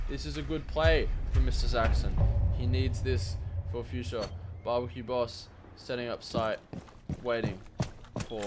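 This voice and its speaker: A medium-pitched man delivers esports commentary on a shooter match. His caster's manner alternates between tense build-up and excited calls.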